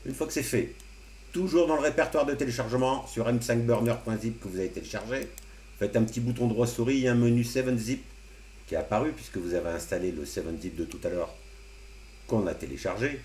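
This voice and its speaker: Male tutorial host, mid pitch, easygoing step-by-step delivery, echoey room with faint hum. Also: fast talker. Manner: relaxed step-by-step explaining with joking asides. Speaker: amateur radio tutorial host. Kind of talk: casual screen-recorded tutorial. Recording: roomy echo, faint hum.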